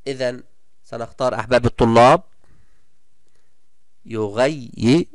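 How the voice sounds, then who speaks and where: A man's voice: mid-range voice, clean tone, no echo, clean studio sound. Guy teaching a kids' class, super clean voice, cheering the students on, drags out the example words. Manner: encouraging, praises pupils often; stretches out example words slowly. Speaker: primary school teacher. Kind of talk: recorded online lesson.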